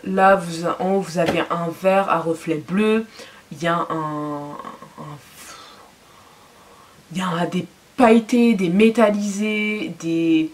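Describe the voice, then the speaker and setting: A young woman gushes over her latest buys in a casual haul vlog, her talk full of fillers and little exclamations. Her voice sits a touch low for a woman. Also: takes it slowly. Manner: enthusiastic, chatty, with frequent fillers. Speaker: fashion and beauty vlogger. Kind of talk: casual haul video chat.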